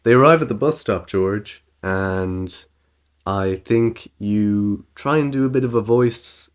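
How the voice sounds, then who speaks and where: A man co-hosting a podcast in casual chat, laughing often and slipping into silly falsetto voices when quoting. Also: slow, clear, resonant tone. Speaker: podcast co-host.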